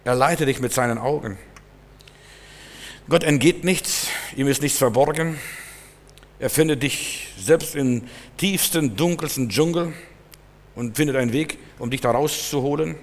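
Brief: male preacher, emphatic sermon delivery, mid-pitched, long hall reverb. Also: a little slow, pauses often. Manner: emphatic, swinging between loud and soft.

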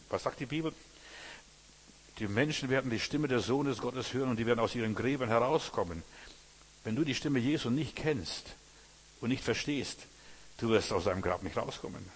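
A man with a husky, medium-pitched voice preaches an earnest sermon in German-language style. He speaks directly to his listeners, calling them brothers and sisters.

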